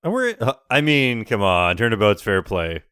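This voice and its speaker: Lively man reading game text aloud. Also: fairly low pitch, normal speed, smooth, no echo, clean studio sound. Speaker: channel host playing the game. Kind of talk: casual gameplay commentary.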